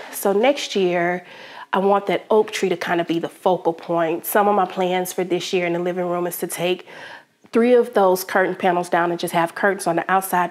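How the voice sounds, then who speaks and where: Lady vlogging from home, chatty and animated, calls you "child". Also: mid-range voice. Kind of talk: casual product review vlog.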